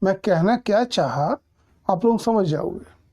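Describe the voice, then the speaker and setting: A male English teacher in a doubt-clearing class, explaining patiently and repeating points, often checking that students follow. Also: high voice, animated, a little slow, mellow.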